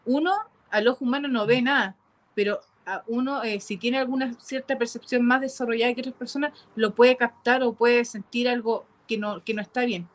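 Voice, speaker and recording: A woman telling a frightening personal experience, halting and repeating herself with nervous laughs. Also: a little high, fairly even intonation. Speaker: caller telling a paranormal experience. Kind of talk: emotional first-person storytelling.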